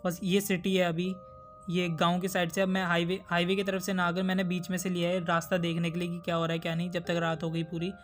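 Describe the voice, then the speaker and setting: A high-voiced man rattles quickly through gameplay commentary, his pitch fairly level and monotone. This gaming YouTuber chats straight to his viewers and is easily spooked, with faint music behind him.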